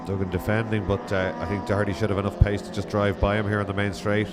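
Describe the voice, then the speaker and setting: A man's voice: on the low side, level tone, fast. A man giving live motorsport commentary, tracking race positions with hesitant, self-correcting asides. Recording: loud car engine and trackside noise. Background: racing cars and outdoor track noise.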